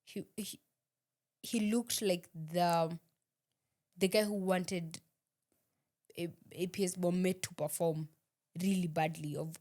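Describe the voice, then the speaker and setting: Kenyan-accented woman chatting, lower-pitched voice. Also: steady tone, slow, pauses often, darkish tone. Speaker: football podcast co-host. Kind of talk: casual sports chat, switching between English and Swahili.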